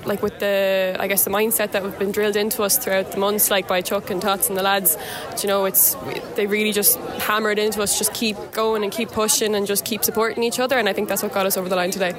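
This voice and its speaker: Young woman, west of Ireland accent, casual post-match player interview, outdoors, clear crowd noise. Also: medium pitch, flat delivery, fast, few pauses. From Galway, west of Ireland. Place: outdoors at a sports ground.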